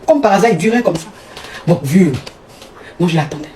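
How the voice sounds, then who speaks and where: A woman's voice: fairly low pitch, expressive, fairly quick, warm tone. A woman, a relationship coach telling a personal story to viewers and acting out both sides of the dialogue. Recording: echoey room with faint noise.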